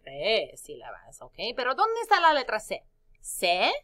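A woman's voice: a little high, huge pitch swings, a bit bright. A woman teaching a phonics lesson to young children, stretching out syllables and singing little sound cues. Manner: slow and drawn out, sings out syllables and sound cues.

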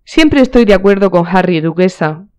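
A woman's voice: lowish voice, animated, normal speed, darkish tone, close to an everyday voice. A woman voicing a charming young male aristocrat in a storybook reading, with a light, easy manner.

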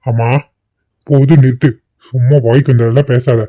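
A twenty-something man voices a cartoon's hot-headed son, a defiant young husband of 25, insisting on his point against his mother. He speaks naturally in a steady, medium-pitched voice at a moderate pace, and the lo-fi recording has no echo.

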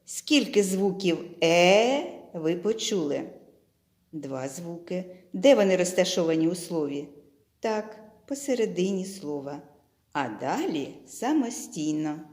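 Teacher lady talking real slow n clear to little kids, lowish voice. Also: animated, darkish tone. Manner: slow and deliberate, stretching words out for children. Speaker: primary school teacher. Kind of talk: slow, clear literacy lesson for young children.

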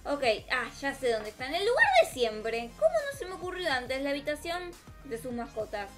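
Argentine girl gamer, really high voice, super dramatic, chats to viewers, music behind her. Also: sing-song, normal speed, fairly bright tone. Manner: theatrical, melodramatic, talks to viewers and self. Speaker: gaming video host. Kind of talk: improvised role-play commentary over gameplay.

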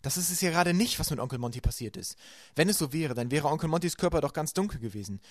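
A man voicing a calm, bookish young teenage boy who explains things gently in an audiobook. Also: fairly high pitch, quick pace, no room sound, studio quality, voice pushed up, lightly acted.

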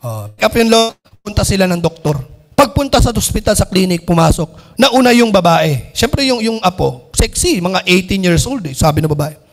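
A high-voiced man tells a comic story to a live audience and acts out each part with animation. His voice rings through an event hall with long reverb. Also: very animated, moderate pace. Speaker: training director.

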